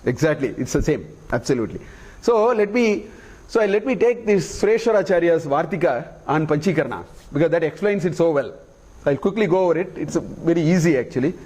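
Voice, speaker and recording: Reciting Sanskrit verses with slow deliberation, a male Vedanta teacher then breaks each down in plain terms for his class. His voice sits fairly high with a darkish tone, and he frequently checks in with "okay?" before moving ahead.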